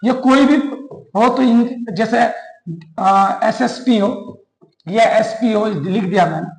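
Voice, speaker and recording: A man's voice: high-pitched, slow, creaky, roomy sound, rough recording. A man teaching an English grammar class, explaining step by step and answering his own questions to the students.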